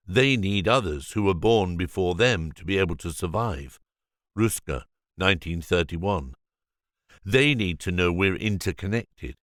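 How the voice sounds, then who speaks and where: A man reading aloud as the coronavirus, speaking of itself in a measured, formal audiobook manner. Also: sits low, a bit bright, dry recording, studio quality.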